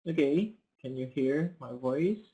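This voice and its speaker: A man's voice: medium pitch, unhurried, warm tone, poor audio. A man with an Indonesian accent hosting an online class, checking his mic with hesitant, repeated questions over a video call. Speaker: online course host.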